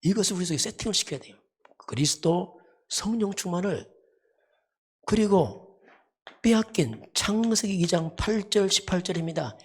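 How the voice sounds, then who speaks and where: At a dawn service, a pastor preaches emphatically, teaching through repetition and frequent rhetorical questions. His husky, medium-pitched voice is expressive, moving at a normal speed with long pauses.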